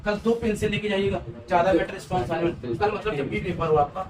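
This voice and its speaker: High-pitched male teacher, distant and noisy. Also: fast talker. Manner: coaxing, repetitive advice to students. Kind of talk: exam-prep class lecture.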